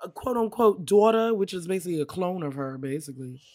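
A woman's voice: fairly low pitch, animated, fast talker, dark tone, dry recording, clean studio sound. A young adult woman co-hosting a podcast, ranting casually about movies, swearing freely and acting out quotes. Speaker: podcast co-host.

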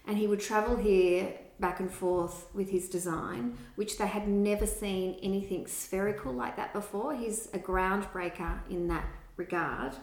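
A woman's voice: mid-range voice, darkish tone, echoey room. A woman co-hosting a podcast in casual chat, reviewing a children's book from her notes. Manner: chatty, reads from notes, reviews children's books. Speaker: podcast co-host.

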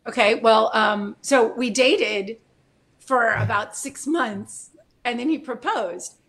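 A military spouse from Florida, appearing as an interview guest, tells her personal story in an animated, emotional way, using lots of fillers. Her voice is a little high and she speaks slowly.

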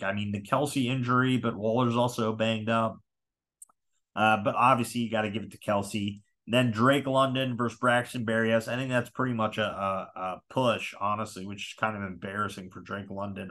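A man's voice: lowish voice, a bit bright. A man hosting a solo podcast in casual chat, talking in a rambling, profane, frank way. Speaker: fantasy football podcast host.

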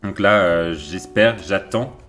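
A man's voice: sits low, takes it slowly, a bit bright, soft background music. A man co-hosting a casual chat, talking in an upbeat, loose way with lots of fillers. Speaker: podcast co-host.

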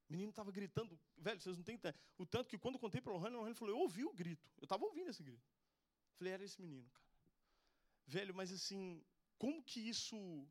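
A young man with a Brazilian Portuguese accent, preaching and telling a personal testimony in a casual, slangy way. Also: high-pitched. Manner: casual slangy storytelling, says "velho" a lot. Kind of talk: testimony sermon.

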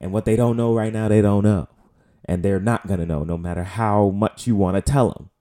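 In his late twenties and hailing from the Bronx, this man speaks with a New York accent in a dark, lowish voice, a little fast and with fairly even intonation. He hosts a casual solo podcast, rambling loosely and profanely with many fillers.

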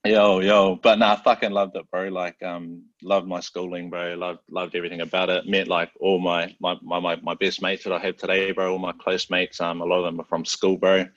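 Low-voiced laid-back New Zealand man. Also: level tone, fairly quick, hardly any pauses, a bit bright, no echo, muffled recording. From South Auckland, New Zealand. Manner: laid-back, slangy, peppers every phrase with "bro". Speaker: podcast guest. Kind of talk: casual chat.

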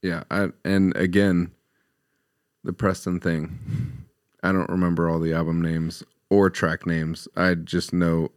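A man's voice: deep voice, level tone, measured pace, no room sound, clean studio sound. A man guesting on a podcast, chatting in a laid-back, joking way. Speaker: guest barber. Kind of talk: casual chat.

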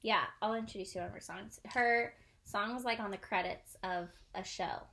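A woman's voice: mid-range voice, moderate pace, pushed and bright. A young woman co-hosting a casual chat at home, telling a rambling story and laughing often. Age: young adult. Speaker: co-host. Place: at home, indoors.

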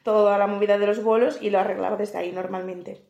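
A woman's voice: medium pitch, fairly even intonation, fast, vocal fry, darkish tone, reverberant. A young woman from Spain with a Spain Spanish accent, co-hosting a podcast and telling stories candidly, laughing often and using coarse slang. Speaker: podcast co-host. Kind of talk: casual chat.

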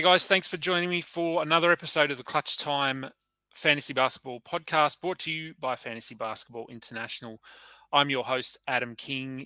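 A man's voice: medium pitch, bright, forceful tone, no room sound, low-quality recording. A man hosting a casual podcast, chatty and loose with plenty of fillers and restarts. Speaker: podcast host.

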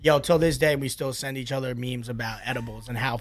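A man co-hosting a podcast, telling stories in animated casual chat. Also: medium pitch, fairly quick, crowd noise. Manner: animated storyteller, laughs often. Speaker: podcast co-host.

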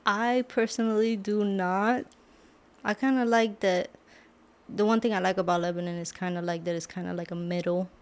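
A woman's voice: mid-range voice, little pitch movement, moderate pace. A young adult woman from Brooklyn, a podcast guest talking casually with many "like" fillers. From Brooklyn, New York. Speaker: guest, author and medical assistant. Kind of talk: casual interview. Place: podcast studio.

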